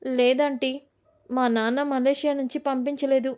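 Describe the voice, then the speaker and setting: A woman plays a young daughter-in-law from a family drama who has been caught lying. She sounds pleading and apologetic in a high voice. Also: flat delivery, normal speed, a little mellow, lightly acted.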